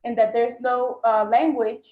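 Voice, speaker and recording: A woman's voice: on the high side, level tone, unhurried. A woman interpreting live on a video call, hesitant with fillers and restarts, heard over a bad internet connection. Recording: muffled, echoey video call audio.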